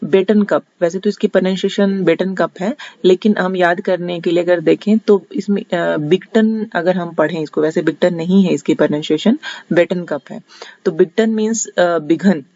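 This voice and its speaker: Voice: mid-range voice, fairly even intonation, darkish tone, no echo. Patient Haryanvi teacher, dull dry recording. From Haryana, India. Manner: patient, explains step by step, restates points with many pauses. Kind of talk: general knowledge lesson with memory tricks.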